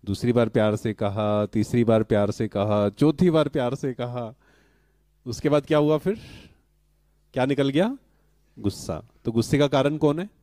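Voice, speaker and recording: A middle-aged man gives a spiritual talk to a live audience. He speaks slowly and calmly in a mellow tone, keeps asking the room to answer, and mixes in English words. The sound is dry and close. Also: medium pitch, no echo. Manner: slow, calm and questioning, asks the audience to answer.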